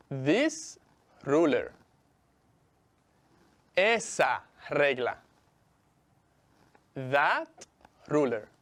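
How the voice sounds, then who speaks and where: A man teaching English in Spanish, speaking slowly and clearly with a Mexican Spanish accent and repeating each word for his students. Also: fairly high pitch, fairly bright tone. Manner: slow, carefully enunciated, repeats words for students. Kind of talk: bilingual televised English lesson.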